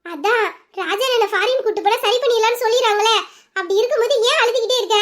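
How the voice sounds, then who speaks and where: A woman voicing a young female friend who gently reasons with and soothes a crying girl in an audio drama. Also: extremely high pitch, quick pace. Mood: consoling.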